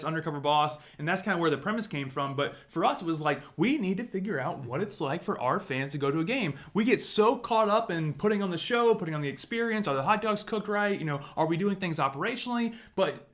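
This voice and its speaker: A man co-hosting a casual podcast, talking in an energetic, upbeat and rambling way. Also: sits high, fast, few pauses. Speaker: podcast co-host.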